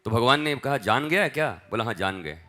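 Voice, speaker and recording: Bright-voiced man telling a devotional tale. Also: mid-range voice, expressive, a little fast. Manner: acts out dialogue in dialect, swings from hushed chant to loud calls. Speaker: spiritual teacher. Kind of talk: devotional storytelling sermon.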